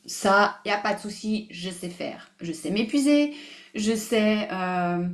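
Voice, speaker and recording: A woman hosting a live online masterclass, animated and emphatic, repeating phrases, mixing in English words and laughing often. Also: medium pitch, takes it slowly. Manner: mixes English words into her speech. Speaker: masterclass host. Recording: roomy echo.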